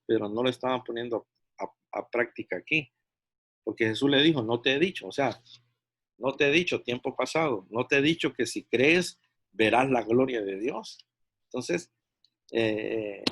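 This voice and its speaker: A man leads a discipleship Bible study over a video call, with a voice of ordinary middle pitch. He talks haltingly, circles back over his phrases and often checks in with the group. The call audio is dry and close, with no room sound around him. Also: fairly bright tone, no room sound. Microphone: video call microphone.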